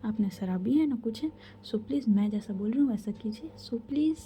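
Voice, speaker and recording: A woman's voice: a little high, expressive, brisk, mellow, a little hiss or hum, close to an everyday voice. A woman voicing a flustered pleading young woman. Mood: anxious. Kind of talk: storybook voice acting.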